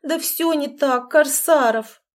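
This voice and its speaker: A woman voicing an excitable fifty-year-old woman therapist who exclaims and scolds in a shrill voice. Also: slow pace. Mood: shrieking.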